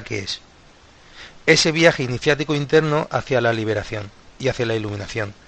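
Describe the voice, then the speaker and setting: A man's voice: medium pitch, a bit bright. A man in a casual philosophical discussion, thinking aloud and restarting his sentences often.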